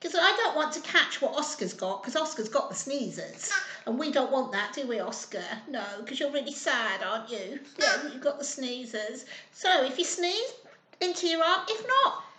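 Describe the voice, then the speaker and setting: A woman hosts a children's storytime, reading and chatting simply and encouragingly to small children in a sing-song way. Her high-pitched voice is expressive and sharp at a moderate pace, with a little hiss or hum in a roomy, echoey indoor recording.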